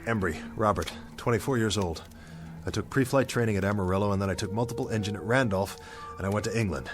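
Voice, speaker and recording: In a radio drama, an American actor plays a young bomber captain, dazed and eaten up by guilt, muttering to himself in broken, searching phrases. His male voice is on the low side and fast, lightly acted over music.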